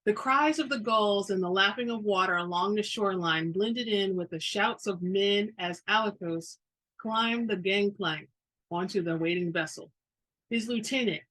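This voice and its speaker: A woman reads fiction aloud as a dramatic narrator. Her voice is bright and forceful, sitting at a middle pitch. Her delivery is informal, with the odd stumble over a word. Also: rough recording. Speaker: reader of a romance fantasy novel. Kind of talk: dramatic reading of a story.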